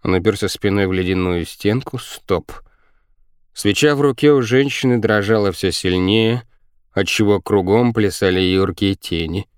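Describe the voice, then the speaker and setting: A man with a low voice narrates a storybook in a vivid, expressive reading. The sound is dry and close, with no room around it. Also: moderate pace, clean tone, no echo. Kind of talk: audiobook narration.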